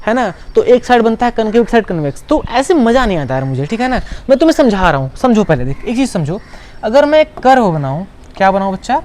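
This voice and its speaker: A man's voice: extremely high pitch, darkish tone, a little hiss or hum. A male teacher giving an online class lecture. He asks his students questions, answers them himself, and repeats key words to make them stick.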